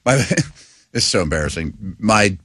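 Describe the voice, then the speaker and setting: Middle-aged male co-host, lowish voice, lively swooping delivery, dry sound. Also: normal speed, slightly rough, dry recording. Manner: animated storyteller, laughs at himself. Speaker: radio co-host. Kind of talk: casual sports talk.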